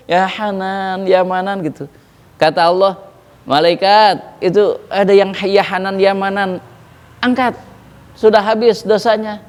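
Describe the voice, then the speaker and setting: A man preaching an evening religious study sermon, lively and jokey, chanting Arabic verses slowly. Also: sits high, big-room sound. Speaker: Islamic preacher.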